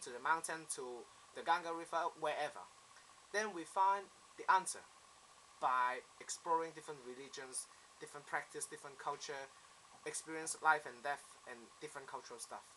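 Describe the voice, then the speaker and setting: A man's voice: fairly high pitch, bright, forceful tone, a little hiss or hum, rough recording. A man in his twenties from Hong Kong, speaking with a Hong Kong accent, earnestly telling his own story in a self-introduction video. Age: 20s. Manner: earnest, plain storytelling with simple phrasing. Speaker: applicant.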